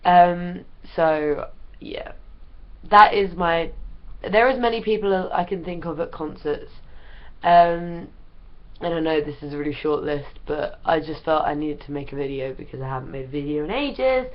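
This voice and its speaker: A young woman chats to her camera from home, ill and sounding under the weather. Her voice sits slightly low and she rambles along with fillers. The recording is dull and lo-fi. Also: normal speed. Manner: rambling, chatty, lots of ums and likes. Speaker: vlogger. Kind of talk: casual chat to camera. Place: at home, wrapped in a blanket.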